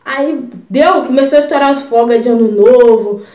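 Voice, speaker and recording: A young woman vlogger telling a personal story in a chatty, expressive way, full of asides. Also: on the high side, normal speed, roomy sound. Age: young adult. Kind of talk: casual storytelling.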